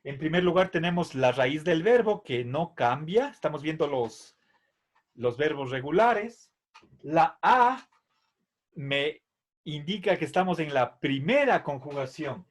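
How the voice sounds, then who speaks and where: A middle-aged man with a higher voice and lively intonation gives a slow classroom explanation of Latin grammar. He patiently repeats verb forms, drilling them syllable by syllable, and checks in with "¿sí?" after every point.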